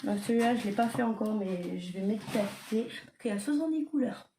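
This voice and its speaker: A woman's voice: mid-range voice, animated, brisk, warm tone. A young woman talking casually as she shows her collection, hesitant and full of fillers and self-corrections. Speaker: vlogger showing her diamond painting stock. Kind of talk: casual show-and-tell. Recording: clear background noise.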